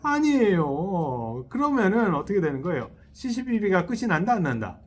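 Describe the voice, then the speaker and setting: Lively monk preaching with questions. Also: male voice, high voice, moderate pace, husky. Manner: lively, asks the audience questions and checks in often; chuckles while acting out little inner voices. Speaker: Buddhist monk giving a dharma talk. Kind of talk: sermon. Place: temple hall. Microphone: selfie-style camera.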